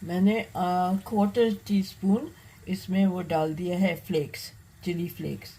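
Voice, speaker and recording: A woman walks through a recipe in her kitchen, talking unhurriedly as she works, with frequent pauses and fillers. Her voice is mellow and her pace is slow. A faint hum of kitchen ambience sits behind her. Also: fairly low pitch, steady tone, poor audio. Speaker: cooking channel host. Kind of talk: cooking demonstration.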